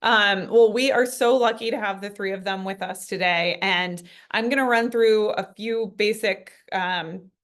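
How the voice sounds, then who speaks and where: A woman's voice: mid-range voice, unhurried, hardly any pauses. A woman on staff hosting a webinar on a video call, moderating and introducing guests in an upbeat, friendly way. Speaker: fellowship staff host.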